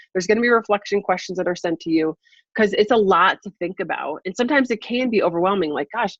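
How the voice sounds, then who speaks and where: A woman's voice: mid-range voice, husky, no room sound. A woman life coach leading a group coaching call over a video call, upbeat, encouraging and motivational. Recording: slightly muffled lo-fi call audio.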